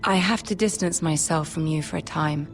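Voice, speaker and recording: Poised, slightly creaky-voiced noble lady. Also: low voice. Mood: gentle, guarded. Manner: measured, courtly, authoritative. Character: poised noble lady, future queen, controlled and commanding. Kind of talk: dramatic video game acting. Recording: music behind.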